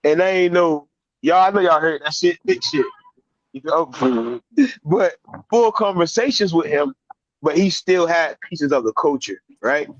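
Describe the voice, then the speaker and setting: Animated man, slightly high, profane casual storytelling, dry dull online-chat audio. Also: measured pace, no room sound.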